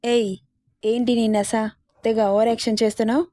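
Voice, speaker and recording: An angry young husband from a storybook , read out by a woman, clipped and threatening. He snaps his words in a mellow, slightly high voice, recorded close and dry. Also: little pitch movement, moderate pace, no echo, close to an everyday voice. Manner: curt and threatening.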